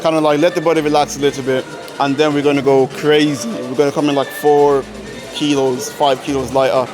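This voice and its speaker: A man's voice: a little high, flat delivery, fairly quick. A young man vlogging casually as a physique competitor, with hyped, emphatic, sweary frat-bro talk. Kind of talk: casual vlog chat. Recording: loud music behind the voice. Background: music.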